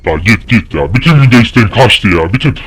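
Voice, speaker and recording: A young man giving angry gameplay commentary, swearing and shouting at the game in a fury. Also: on the low side, expressive, fairly quick, slightly rough. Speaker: gaming YouTuber.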